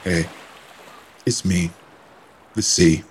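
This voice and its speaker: A man voicing the Sea as an eerie, hushed, beckoning seducer in a spoof radio advertisement. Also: low-pitched, fairly even intonation, extremely slow, a little hiss or hum, voice pushed down.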